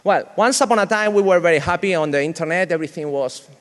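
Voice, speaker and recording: A Spanish-accented man in his thirties gives a joking conference talk in a big reverberant hall. His voice sits a little high for a man, and his English is halting, with fillers and self-deprecating asides. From Spain. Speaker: conference speaker.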